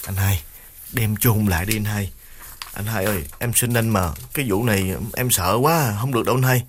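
A man's voice: fairly low pitch, normal speed, slight background noise, lightly acted. A man voicing a frightened young petty thief, pleading and begging his older brother again and again. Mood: scared, pleading. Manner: pleading, repeats "anh hai" over and over.

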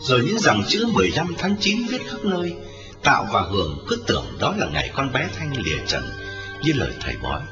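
Man, dramatic story narration, very lively pitch, echoey, muffled, music behind. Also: brisk. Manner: expressive storytelling. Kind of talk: dramatic audiobook reading. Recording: roomy, lo-fi, distant, with music.

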